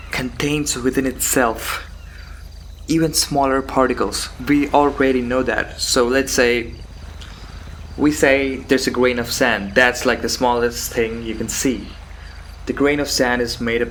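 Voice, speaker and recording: A man giving a rambling philosophical monologue, musing haltingly with rhetorical questions and repeated phrases. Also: medium pitch, a bit bright. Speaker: solo host of a philosophical talk. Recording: background noise with insect and cricket sounds.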